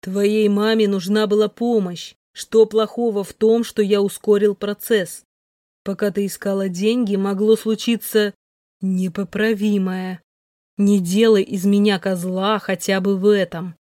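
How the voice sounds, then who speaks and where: A woman's voice: mid-range voice, level tone, measured pace, mellow, no echo, studio quality, natural voice. Woman voicing a cool, unemotional young man. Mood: flat. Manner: level, unemotional. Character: composed young man, tired and unbothered.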